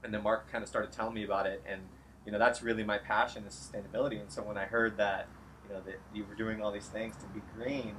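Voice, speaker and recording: Male interviewer, low voice with a bright edge, friendly, halting with fillers. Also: little pitch movement, slight background noise, rough recording. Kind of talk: casual interview. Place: salon, outdoors then indoors.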